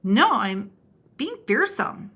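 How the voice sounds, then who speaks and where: A high, lively little dragon boy, timid yet earnest, apologizing and trying hard, as a woman puts him on. His voice jumps up and down in bright, quick bursts. A storybook character read aloud. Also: breathy edge, heavily acted. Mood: upset. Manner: eager and apologetic.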